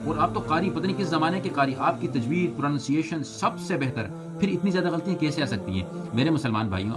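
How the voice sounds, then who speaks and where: A man presenting a critical video commentary, earnest and full of rhetorical questions to his viewers. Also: medium pitch. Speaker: YouTube critic presenting evidence. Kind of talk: argumentative commentary over clips. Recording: clear music behind voice.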